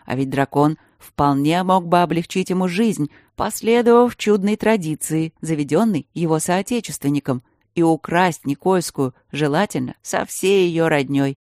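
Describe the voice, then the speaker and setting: A woman narrating an audiobook in a steady, measured way. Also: low-pitched, dry recording, studio quality. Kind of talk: scripted narration.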